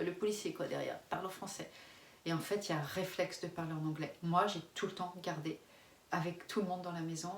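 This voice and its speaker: A middle-aged woman from France chatting candidly as a vlogger, with casual fillers. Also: deep voice. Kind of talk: casual chat. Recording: echoey room, mic far off, faint hiss.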